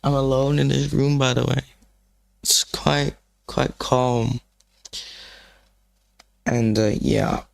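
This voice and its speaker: A man hosts a live stream on his own in a room, his voice gravelly with morning roughness. He rambles with plenty of fillers and restarts. The sound is close and dry. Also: mid-range voice, steady tone, takes it slowly, long pauses, no room sound. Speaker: livestream host. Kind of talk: casual live-stream chat. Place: room, alone.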